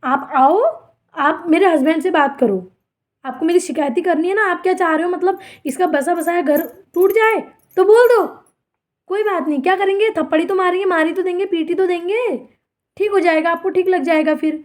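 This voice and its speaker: A woman's voice: very high voice, normal speed. A young woman, speaking to her camera in an emotional rant, aggrieved and defiant, repeating herself as she pleads her case. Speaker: vlogger. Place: outdoors in front of a temple.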